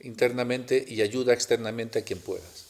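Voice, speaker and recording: A middle-aged man telling a personal story in a talk at a spiritual center, halting and restarting as he goes. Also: mid-range voice, darkish tone. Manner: halting, with many restarts and rhetorical tags.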